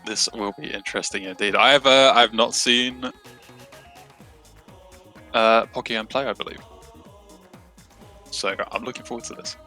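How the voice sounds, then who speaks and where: A man's voice: medium pitch, steady tone, a little slow, pauses often, bright, forceful tone, faint music behind. A British man casting a live esports match, chatty and self-mocking. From Britain. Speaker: esports caster.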